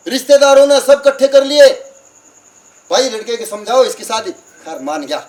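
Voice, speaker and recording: A man, preaching at a satsang as a lively storyteller who acts out the dialogue and asks the crowd questions. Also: very high voice. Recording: far from the mic, crickets in the background.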